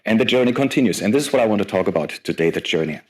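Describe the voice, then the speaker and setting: A man in his forties, guest speaker at a conference, delivers a lively, chatty talk full of self-deprecating jokes and fillers. His voice sits lowish and the words come rapid-fire.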